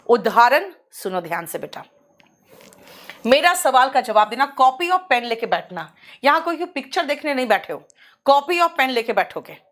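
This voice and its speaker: A woman's voice: high voice, sing-song, moderate pace, a bit bright. A woman English teacher giving an online class, coaxing and scolding her students and mixing English words into her explanations.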